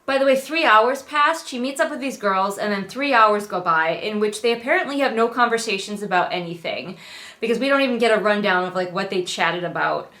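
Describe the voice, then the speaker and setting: A middle-aged book review host reads along with a book in a casual, exasperated way, sarcastically performing the quotes. Her medium-pitched voice is animated, pushed and bright, and moves a little fast.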